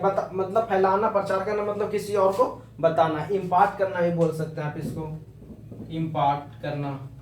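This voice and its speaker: Recorded on a distant mic in an echoey room, an English vocabulary teacher speaks on the high side with a darkish tone. He explains slowly in a mix of Hindi and English during this informal lesson, repeating the words and spelling them out.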